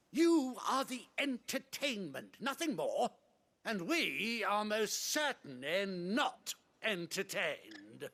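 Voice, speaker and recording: An actor playing a pompous, cruel noble father, haughty and scornful with shouted outbursts. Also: very high-pitched, vocal fry, full character voice. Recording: game audio under faint music.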